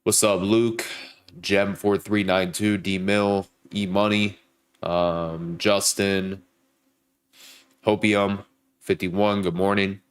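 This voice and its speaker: A young man with a sore throat and a stuffy, nasal voice chats casually on his trading livestream, greeting viewers by name and hyping up likes. His voice is deep, clear and resonant, with little pitch movement and a slow pace.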